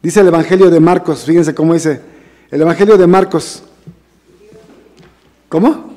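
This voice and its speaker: A man's voice: a little high, normal speed, dark tone, in a large hall. A man preaching a sermon to a congregation in a conversational way, often calling them brothers and asking them questions. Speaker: minister preaching. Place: church hall.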